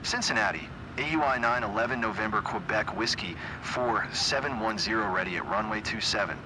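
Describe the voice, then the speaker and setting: A man speaking into a cockpit headset mic as a flight sim pilot, giving clipped, steady radio readbacks in pilot phraseology. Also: on the low side, brisk. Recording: aircraft engine noise behind. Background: airplane engine hum.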